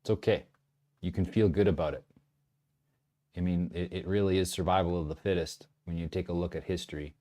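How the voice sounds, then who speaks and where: A man giving casual, animated trading commentary, rambling and often restarting his sentences. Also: sits low, a little fast. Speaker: market commentator.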